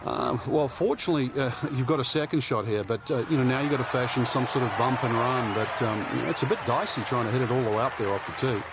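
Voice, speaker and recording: A man's voice: mid-range voice, fast talker, hardly any pauses, very noisy, close to an everyday voice. A man playing an easygoing golf commentator, giving conversational analysis with hesitant phrasing in a video game broadcast. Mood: considered.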